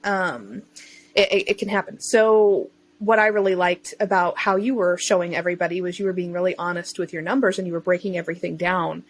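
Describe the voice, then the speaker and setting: Lowish and brisk, this woman's voice carries her personal story as a podcast guest. A self-employed digital marketer and online bookseller, she keeps things chatty and informal, breaking in on herself as she talks.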